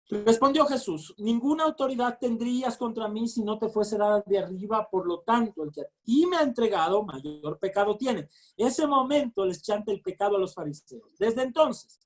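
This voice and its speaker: A woman preaches a sermon with fervor. Her voice sits a little high, and she slows down for scripture passages and breaks in with exclamations. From Ecuador. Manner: fervent, reads scripture slowly, exclaims often. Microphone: recorded sermon.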